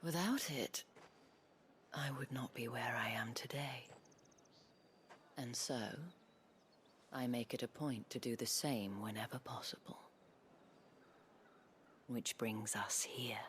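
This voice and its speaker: An actress voicing a sly, seductive woman brothel madam in a video game cutscene, speaking in a husky half-whisper. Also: a bass voice, slow, long pauses, a bit bright, a little hiss or hum, exaggerated voice. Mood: scheming.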